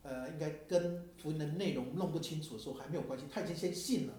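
Male preacher, conversational sermon, asks listeners questions, mellow tone, slightly high voice, booming hall reverb. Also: fast talker. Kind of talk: sermon with storytelling. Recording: very echoey hall sound.

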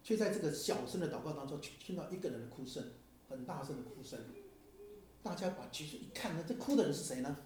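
Male preacher, conversational sermon, asks listeners questions, mellow tone, slightly high voice, booming hall reverb. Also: lively intonation, fast talker, slight background noise. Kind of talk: sermon with storytelling. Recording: very echoey hall sound.

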